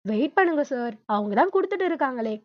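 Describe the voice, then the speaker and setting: A calm sarcastic young man, read by a woman. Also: sits high, normal speed, no echo, natural voice. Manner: dry mocking remarks. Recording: dull lo-fi dry recording.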